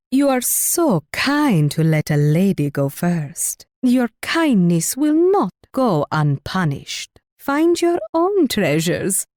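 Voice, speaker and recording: A woman's voice: mid-range voice, a little mellow, no room sound, studio quality. An actress playing a haughty, warlike Spanish queen in a video game, delivering imperious, mocking taunts with sweetly condescending menace. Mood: smug, teasing.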